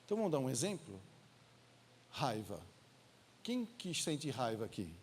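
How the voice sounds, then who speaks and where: A man's voice: mid-range voice, big pitch swings, measured pace, slight background noise. A man giving an informal, joking lecture at a spiritist center, acting out little quoted dialogues. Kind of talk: spiritist lecture to a live audience.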